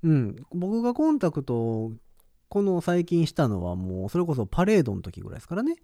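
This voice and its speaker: Mellow-voiced Kansai man, lively swings. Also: on the high side, brisk, no room sound, clean studio sound. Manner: joking banter with playful quoted asides. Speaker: podcast co-host. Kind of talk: casual chat.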